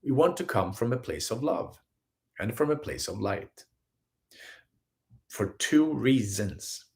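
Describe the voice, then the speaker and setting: In a slow, mid-range voice, a Swedish-accented man from Sweden gives an earnest live-streamed spiritual talk. As healer and host, he stays animated and plays out little quoted scenes.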